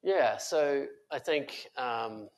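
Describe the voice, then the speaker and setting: This panel guest, a male tech company founder, talks very slowly in an animated mid-range voice. Earnest and prone to fillers and restarts, he speaks from a conference stage before an audience.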